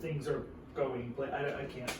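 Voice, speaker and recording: A man's voice: medium pitch, flat delivery, unhurried. A man co-hosting a podcast in casual chat, asking confused questions about the game and poking fun at himself. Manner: asks confused questions, self-deprecating. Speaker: podcast co-host. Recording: roomy, distant mic with background noise.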